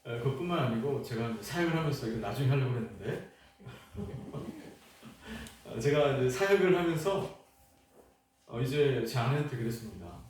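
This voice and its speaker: A man's voice: mid-range voice, lively intonation, normal speed, pauses often, darkish tone, a little hiss or hum. A middle-aged male pastor telling a personal story in a sermon, questioning the congregation and growing fervent as he acts out his prayers. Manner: asks the congregation questions, rising in fervor when acting out prayers. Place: church sanctuary. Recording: very echoey church hall, from far off.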